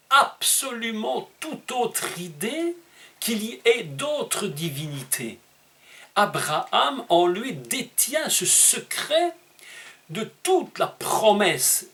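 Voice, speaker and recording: Emphatic preacher man, lively pitch. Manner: emphatic teaching tone with dramatic pitch leaps and slowed stressed words; rhetorical questions to the audience. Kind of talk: sermon.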